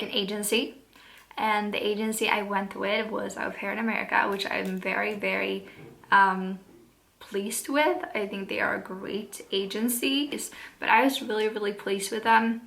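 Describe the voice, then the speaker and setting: This Swedish woman in her twenties is indoors at home, casually talking to camera in English as a vlogger; she comes across nervous and giggly, often using fillers and starting over. Her medium-pitched voice is creaky and a little bright, with fairly even intonation and a measured pace.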